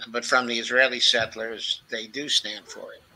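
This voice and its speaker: A man's voice: mid-range voice, flat delivery, moderate pace, sharp tone, slight background noise, poor audio. A man joining a casual political discussion over a video call, emphatic, dropping in "okay" asides. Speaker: guest.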